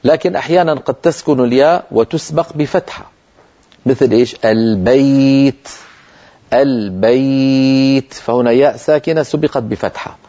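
A man teaching Quran recitation in a televised lesson. He explains patiently, asks questions and answers them himself, and draws out example words slowly to show how they sound. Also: medium pitch, dark tone, slightly rough. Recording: dull lo-fi broadcast audio.

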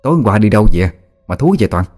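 A man's voice: fairly low pitch, big pitch swings, darkish tone, soft background music. A man voicing a nagging middle-aged mother in a ghost story. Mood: scolding. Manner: nagging, quick. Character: middle-aged woman, a friend's mother, fussing.

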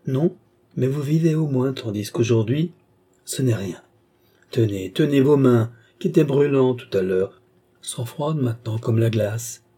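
An anxious, protective young nobleman, as a male reader plays him in an audiobook. His delivery is earnest and worried, in a husky, mellow voice. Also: medium pitch, measured pace. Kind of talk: audiobook character reading.

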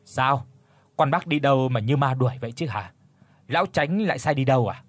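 A man's voice: medium pitch, expressive, fairly quick, dry recording, natural voice. A man voicing a sly, scheming young male villager in an audio story, coaxing and wheedling. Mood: prying. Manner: wheedling, coaxing, feigns alarm.

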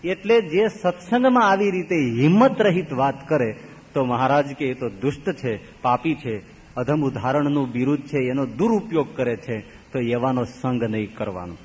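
A male swami giving a devotional sermon full of stories, swinging from loud exclaiming to low murmurs. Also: expressive, moderate pace, breathy edge. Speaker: swami preacher. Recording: long hall reverb.

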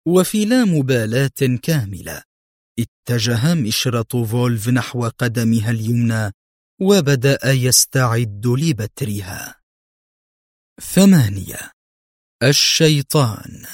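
A man giving measured, dramatic audiobook narration. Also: medium pitch, animated, a little mellow, no echo, clean studio sound.

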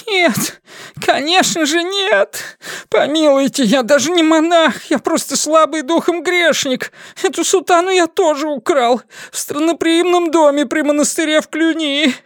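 A man's voice: very high voice, unhurried, fairly bright tone, no echo, studio quality, voice pushed up. A man voicing a cowardly fake preacher who sobs and begs frantically under torture. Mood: desperate pleading. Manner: sobbing, frantic pleading.

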